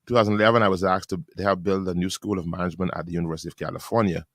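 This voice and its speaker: Man, pastor and radio host, lowish voice, dry close studio sound, chatty, laughs a lot. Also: fairly even intonation, a bit bright, dry recording. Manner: laughing often, reading aloud in halting bursts. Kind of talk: casual talk radio chat. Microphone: studio microphone.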